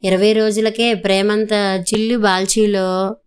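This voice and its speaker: A woman voicing a proud, mocking wife in a storybook reading, with a smooth, flat voice. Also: mid-range voice, unhurried, lightly acted.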